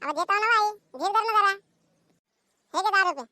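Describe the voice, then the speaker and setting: A woman's voice: extremely high pitch, a little fast, pushed and bright, dry recording, exaggerated voice. A woman voicing a lazy, cheeky, phone-obsessed village son in a cartoon comedy, whining and talking back. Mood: whiny.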